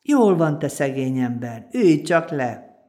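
A woman's voice: deep voice, sing-song, mellow. A woman voicing a kindly king in a folk tale, speaking graciously and with welcome.

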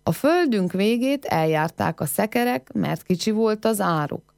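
A woman's voice: medium pitch, animated, vocal fry, a little mellow, no room sound, clean studio sound. A woman voicing a clever young village girl in a folk tale, with pert, teasing riddle answers.

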